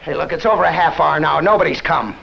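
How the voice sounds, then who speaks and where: A man's voice: fairly high pitch, lively intonation, quick pace, gravelly. An actor playing a shifty male crook who talks in tough-guy street slang, in a 1950s TV drama. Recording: dull lo-fi 1950s TV soundtrack.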